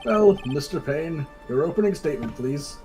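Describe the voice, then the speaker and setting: A man playing a stern older male judge in his own plain voice, unhurried and questioning. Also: on the high side, animated, over music, close to an everyday voice. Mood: formal.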